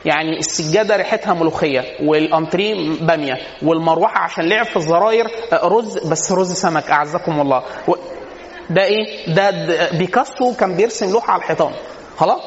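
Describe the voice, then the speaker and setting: An Egyptian man gives a casual religious lecture on family life, talking fast in a fairly high voice and answering his own rhetorical questions with humor. He is heard through a dull, lo-fi recording with a long echo, as if in a large hall. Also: slight background noise. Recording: echoey hall, dull lo-fi sound.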